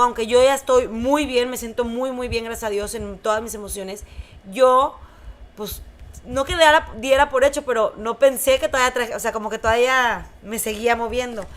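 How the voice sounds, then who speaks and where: A Mexican woman hosting a podcast, telling a personal story in an animated, casual way with many fillers. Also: on the high side, moderate pace. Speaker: podcast host. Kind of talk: casual chat.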